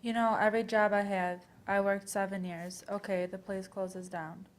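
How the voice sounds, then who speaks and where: At a college library event, a young woman reads a scripted readers theater piece aloud, stumbling now and then. Her natural voice sits at medium pitch, level in tone and moderate in pace, captured on a worn microphone.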